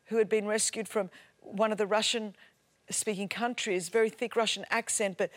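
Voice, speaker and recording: With a mid-range voice, steady tone, and normal speed, a native Greek speaker preaches. Her sermon is impassioned storytelling that escalates into loud, emphatic repetition.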